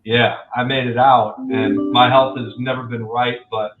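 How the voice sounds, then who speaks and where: A man in his forties, a loan officer, speaks candidly and reflectively as a podcast guest, with music playing under him. His medium-pitched voice is flat and unhurried, and the remote call audio sounds echoey and tinny.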